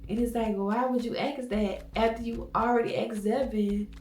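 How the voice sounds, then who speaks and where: A woman's voice: on the high side, fairly even intonation, normal speed, a little mellow, distant mic. A young woman vlogger giving a casual, blunt and opinionated recap in which she swears freely. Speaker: vlogger recapping a reality show. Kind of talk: casual commentary. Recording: echoey room with faint music behind.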